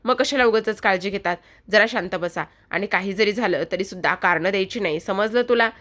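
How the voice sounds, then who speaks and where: A woman's voice: mid-range voice, fairly quick, fairly bright tone, natural voice. A woman voicing a stern male driving instructor who talks firmly.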